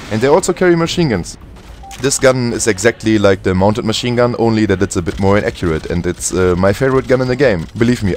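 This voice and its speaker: A man's voice: lowish voice, darkish tone, slight background noise. A man giving informal, sweary commentary on a video game as a let's play host. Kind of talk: casual gameplay commentary. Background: game music.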